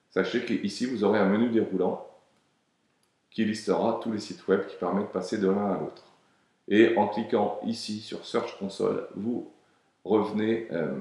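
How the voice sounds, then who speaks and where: Low-voiced man explaining in an echoey room. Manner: calm explanatory, frequent hesitations. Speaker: web tutorial presenter. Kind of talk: screen-recorded software tutorial.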